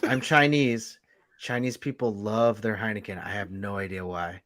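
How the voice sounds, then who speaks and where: A man with a lowish voice joking around on a casual podcast. The sound is dry and close. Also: steady tone, moderate pace, a bit bright, no room sound.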